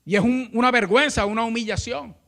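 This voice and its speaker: A male pastor preaching a fervent sermon that swells into shouting, often calling out to his listeners as brother. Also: very high-pitched, a little fast, creaky. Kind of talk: impassioned sermon.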